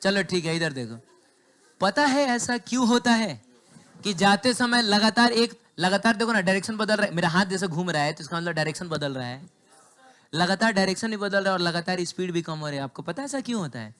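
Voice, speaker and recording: A man with a fairly high voice lectures a physics class. His throat is sore. He keeps quizzing the students, answers his own questions and teases them as he goes. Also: animated, a little fast, fairly bright tone. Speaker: physics teacher.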